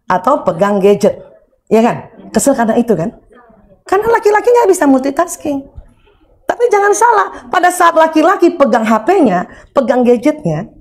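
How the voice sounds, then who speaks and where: A middle-aged woman giving a religious lecture on parenting and marriage, animated and humorous, acting out everyday examples. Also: sits high.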